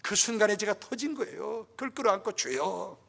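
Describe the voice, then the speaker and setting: A man's voice: sits high, quick pace, a bit bright. An older man, a pastor, preaching a sermon with passionate, emotional storytelling. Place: church. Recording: reverberant church hall.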